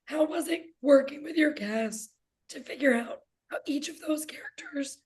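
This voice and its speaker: A woman with a high-pitched voice asks questions in an interview. She has lost her voice, so she speaks in a strained, breathy half-whisper. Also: moderate pace. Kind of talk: press junket interview.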